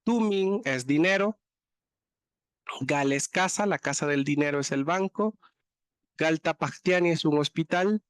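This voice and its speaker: A man's voice: on the high side, a bit bright, no echo, studio quality. A man teaching a language class, explaining words patiently and often checking that students follow. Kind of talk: online class teaching vocabulary.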